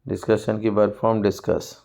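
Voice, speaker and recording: A man with an Indian accent teaching English for an exam. He reads English passages aloud slowly and explains them in Hindi. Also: on the low side, level tone, gravelly, warm tone. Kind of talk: exam-prep lesson. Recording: dull lo-fi sound.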